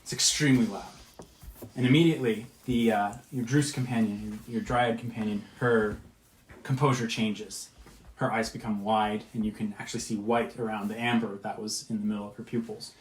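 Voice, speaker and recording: A man's voice: lowish voice, steady tone, fairly quick. A man narrating a tabletop game as game master, describing the scene in detail and often restarting his phrases. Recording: roomy echo, faint noise.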